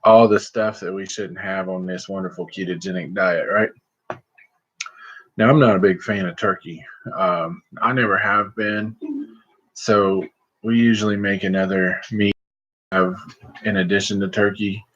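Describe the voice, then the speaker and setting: A middle-aged man chatting casually and folksily on a livestream, rambling along with hesitant pauses. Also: low voice, steady tone, a bit bright, slightly rough. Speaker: host of a livestream vlog. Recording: slightly muffled, lo-fi livestream audio.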